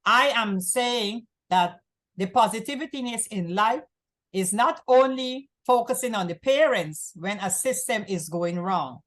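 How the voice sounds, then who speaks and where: A woman's voice: fairly high pitch, animated, a little slow, fairly bright tone. Rambling woman from Guyana hosting. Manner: rambling, repeats herself. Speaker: host. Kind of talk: community access TV talk show.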